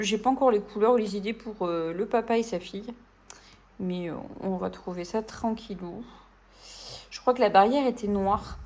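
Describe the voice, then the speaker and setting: A woman from France chatting casually to her viewers as she colors, relaxed and full of little fillers and self-talk. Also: medium pitch. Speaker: coloring channel host. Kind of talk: casual chat while coloring.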